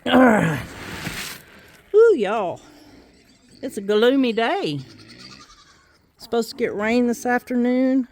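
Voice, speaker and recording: A woman's voice: on the high side, very animated, slow pace, long pauses, darkish tone. A woman talking to her viewers and animals while doing outdoor farm chores on a handheld phone, with sing-song calls to her animals and a bit out of breath. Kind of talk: casual vlog narration while feeding animals. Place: outdoors on a small farm with goats, pigs and chickens.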